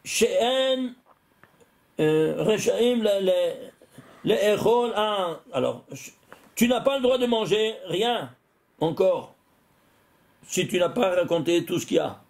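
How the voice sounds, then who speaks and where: A rabbi leads a religious lesson in a gravelly, slightly high voice. He keeps quizzing his listeners with rhetorical questions. His phrases often stall and restart on repeated words. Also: expressive, slow, darkish tone.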